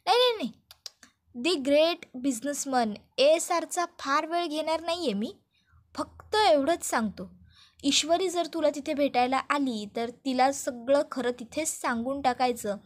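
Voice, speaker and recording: A woman doing a gloating, taunting male villain. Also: high-pitched. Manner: taunting, sing-song sarcasm.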